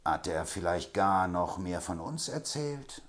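A man voicing a deep, excitable swindler. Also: unhurried. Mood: agitated. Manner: agitated, exclaiming. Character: scheming male swindler, middle-aged, excitable.

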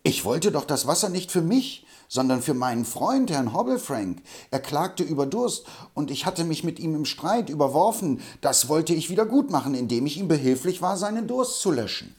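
A fussy, self-important old music teacher, voiced by an audiobook reader, talking in a pompous manner. His voice sits a little higher and moves a lot. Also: sing-song, moderate pace, few pauses, a little mellow. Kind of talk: audiobook reading.

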